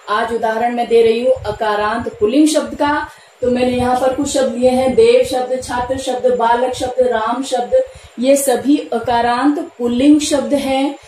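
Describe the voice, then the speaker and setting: A woman's voice: a little high, warm tone. A woman teaching Sanskrit grammar step by step, patiently repeating the key terms. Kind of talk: classroom lesson explaining grammar. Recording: echoey room, faint background noise.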